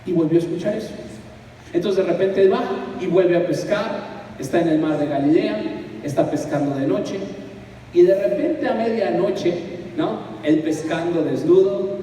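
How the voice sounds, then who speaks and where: A man preaching a sermon, lively and conversational, full of rhetorical questions. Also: high-pitched, moderate pace, slight background noise. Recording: echoey hall from far off.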